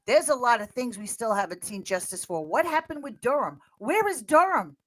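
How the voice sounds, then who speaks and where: An American woman giving animated political chat as a podcast guest, fiery and sarcastic, mocking others in squealing voices. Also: fairly high pitch, normal speed, rough recording. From United States. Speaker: podcast guest, social media commentator.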